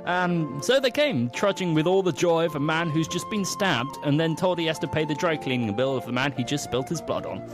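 A man's voice: fairly high pitch, expressive, brisk, hardly any pauses, over music. A man telling a comic story with playful, teasing asides.

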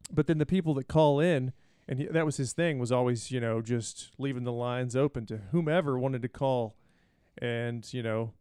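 Smooth-voiced rambling podcast co-host man. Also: medium pitch, normal speed, few pauses, no room sound, clean studio sound. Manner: relaxed, rambling with many fillers. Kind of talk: casual chat.

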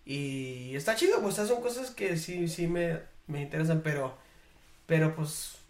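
A man with a Mexican accent in casual podcast chat, slangy and quick to laugh. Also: fairly high pitch, darkish tone. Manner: slangy, laughing, quotes people in acted voices. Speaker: podcast co-host. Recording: echoey room.

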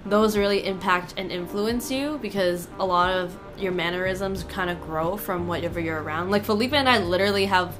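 A woman's voice: on the low side, a little fast, few pauses, music in the background. A woman co-hosting a casual podcast chat, giggly and often breaking off mid-sentence. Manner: giggly, self-interrupting. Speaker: podcast co-host.

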